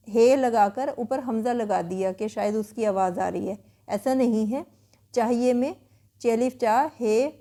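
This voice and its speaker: Patient woman teacher with a mellow voice. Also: a little high. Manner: patient, explanatory. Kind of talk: explaining spelling rules.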